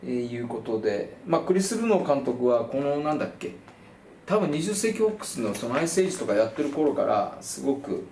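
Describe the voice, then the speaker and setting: A man hosting casual film talk, animated and jokey, whose own everyday speech is Kansai dialect. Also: fairly quick, echoey room, a little hiss or hum. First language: Kansai dialect speaker. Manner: animated, jokey, lively pitch swings. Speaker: film commentary host.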